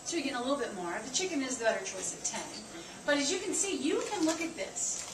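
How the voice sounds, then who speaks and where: A woman dietitian giving a lively nutrition talk to staff, counting aloud and quizzing her listeners. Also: sits high, fast talker. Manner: chatty, counts aloud and asks the audience questions. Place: staff meeting room. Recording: echoey room, from far off, noisy.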